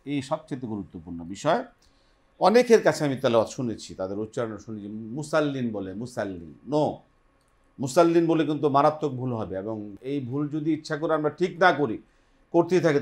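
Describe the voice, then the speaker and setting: A man's voice: a little high, a little mellow. A man with a Bengali accent hosting a televised Quran lesson, patiently modeling pronunciation and having the class repeat after him. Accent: Bangladeshi Bengali. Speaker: Quran recitation teacher and host. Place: television studio.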